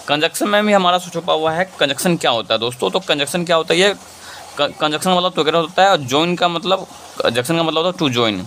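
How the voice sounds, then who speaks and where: Indian guy teaching english grammar in hindi, kinda high voice, faint hiss behind. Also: a bit bright. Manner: asks and answers his own questions; mixes Hindi with English example sentences. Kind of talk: classroom-style lesson.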